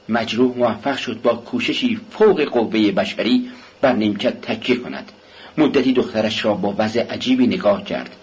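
A man narrating an audiobook in a dramatic, expressive style. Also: medium pitch, breathy edge. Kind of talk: scripted narration. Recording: dull lo-fi recording with faint hiss.

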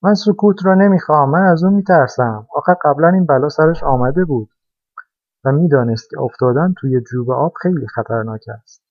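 A man's voice: mid-range voice, no room sound, lightly acted. A man voicing a small, timid toy car that whines and insists in a childlike way, as a storybook character. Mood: wailing. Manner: whiny, insistent, easily frightened. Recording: dry, dull lo-fi recording.

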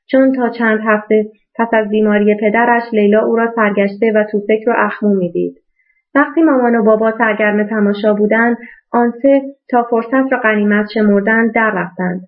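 A woman reading a novel aloud as audiobook narrator in a steady storytelling manner, in a tinny phone-like recording. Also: medium pitch.

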